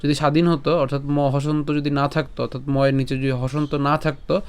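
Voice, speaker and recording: A man leads a pronunciation lesson on scripture verses, with a somewhat high and very smooth, resonant voice. He poses questions and answers them himself. He draws out each verse in a slow chant. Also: little pitch movement. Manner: asks and answers his own questions, drawn-out chanted recitation. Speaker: scripture recitation teacher.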